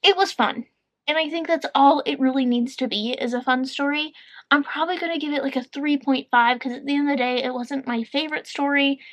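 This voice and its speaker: Upbeat female book vlogger, high voice, rambling casual chat. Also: steady tone, brisk, dull audio. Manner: chatty and upbeat, rambling with fillers.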